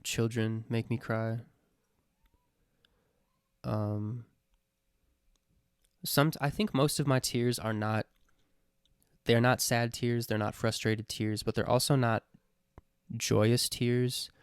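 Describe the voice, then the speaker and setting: A man's voice: mid-range voice, steady tone, takes it slowly, pauses often, smooth, dry recording. Earnest rambling young man, dry close sound. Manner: rambling, hesitant, many fillers and restarts; sincere, earnest, swears casually. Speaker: vlogger answering his own question list. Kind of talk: casual reflective monologue.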